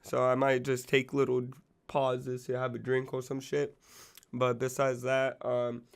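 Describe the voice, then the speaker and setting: A music channel host in his twenties, recovering from illness and losing his voice, sounds a little worn down, with a smooth, low rasp. He rambles loosely through casual music commentary at a measured pace, monotone and full of fillers and profanity.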